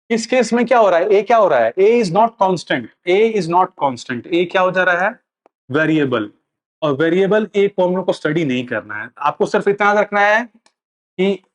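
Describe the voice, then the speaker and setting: A man teaching a physics lesson, asking questions aloud and answering them himself, slipping English phrases into his explanation. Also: high voice. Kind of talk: classroom lecture.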